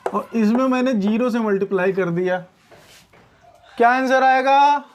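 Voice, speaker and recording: A woman's voice: a little high, measured pace, a little mellow, a little hiss or hum. Questioning woman maths teacher. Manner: questioning, checks understanding often. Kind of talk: classroom-style maths lesson.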